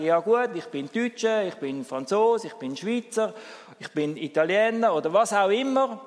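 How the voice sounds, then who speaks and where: A Swiss man with a Swiss German accent, giving a sermon at a church service and chatting with the congregation, now emphatic, now quiet. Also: a little high, vocal fry. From Switzerland. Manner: lively, swings between emphatic and soft. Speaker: preacher. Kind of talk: sermon with audience interaction. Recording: long hall reverb.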